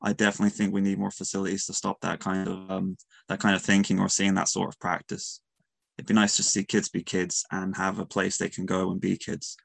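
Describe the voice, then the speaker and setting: A man from County Mayo with a west of Ireland accent, giving casual interview answers in an earnest, halting way that repeats words. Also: sits low, monotone, vocal fry, no echo. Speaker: youth sports coach and player.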